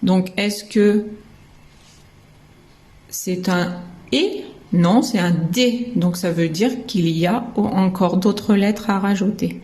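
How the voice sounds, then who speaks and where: A French kindergarten teacher patiently explains how children learn to write words, sounding out syllables and letters one at a time. Her voice is warm and medium-pitched, and she speaks slowly with long pauses, teaching step by step.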